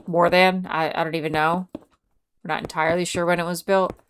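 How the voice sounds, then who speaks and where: Chatty woman streamer, lowish voice. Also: flat delivery, moderate pace, slight background noise. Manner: chatty, reads and answers chat aloud. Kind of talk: casual live-stream chat. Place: home.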